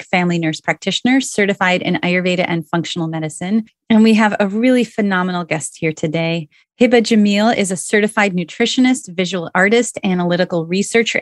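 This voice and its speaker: Brief: woman podcast host, eager and effusive, mid pitch, dry close sound. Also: no room sound. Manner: warmly enthusiastic, effusive. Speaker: podcast host, nurse practitioner. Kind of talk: podcast interview hosting.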